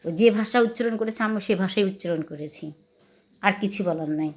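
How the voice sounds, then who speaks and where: Vlogging from home, a fast-talking woman with a mid-range voice and a Rajshahi Bengali accent, from Bangladesh, speaks directly to her viewers. She goes over a quarrel in an aggrieved, repetitive way, repeatedly asking them to decide if she was wrong.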